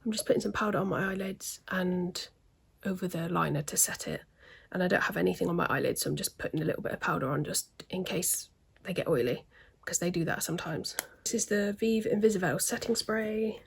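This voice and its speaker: A woman's voice: lowish voice, brisk, creaky, a little hiss or hum. A woman chatting casually through her makeup routine at home, with self-deprecating remarks and frequent half-whispered asides. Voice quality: slightly smoky laugh. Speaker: beauty vlogger. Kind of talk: casual get-ready-with-me chat. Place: at home, at a desk, in daylight.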